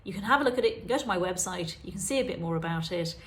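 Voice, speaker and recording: A woman's voice: on the low side, animated, quick pace, slight background noise. A woman, a dyslexia specialist, explaining spelling and reading directly to the viewer in a teaching video. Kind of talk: talking-head teaching video.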